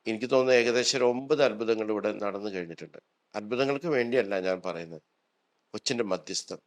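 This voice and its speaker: A man's voice: fairly low pitch, fast. A priest, a man, earnestly tells a personal testimony and retells what people said to him. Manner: earnest storytelling, retelling dialogue.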